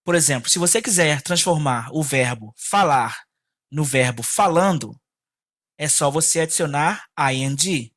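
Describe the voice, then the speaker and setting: A teacher walks through a grammar lesson at an unhurried, careful pace. Each English example comes twice and slower, as if for dictation, and the voice rises slightly to flag each new rule. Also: medium pitch, lively intonation, fairly bright tone. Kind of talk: recorded online lesson.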